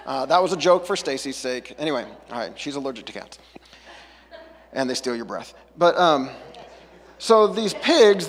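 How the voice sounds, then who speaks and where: A man's voice: high-pitched, big-room sound. A man preaching a casual, chatty sermon, breaking off into jokey asides and back. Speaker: pastor. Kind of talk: conversational sermon.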